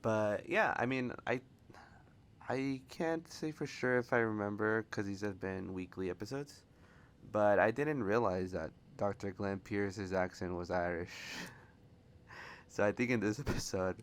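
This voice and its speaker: A man's voice: on the low side, a little slow. A man doing casual, rambling commentary over video game footage and laughing often. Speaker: gameplay commentator.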